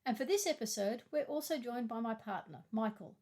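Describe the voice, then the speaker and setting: A woman co-hosting a literary discussion podcast, summarizing chapters in a brisk, matter-of-fact way. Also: fairly high pitch, lively intonation, darkish tone. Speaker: podcast co-host.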